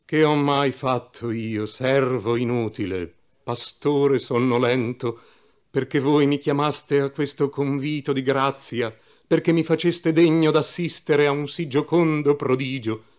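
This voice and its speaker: A man's voice: mid-range voice, fairly even intonation, a little slow, lightly acted. A man reading an old, fervent cardinal. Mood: tender. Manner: impassioned, pleading oratory. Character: elderly fervent cardinal, gentle and loving.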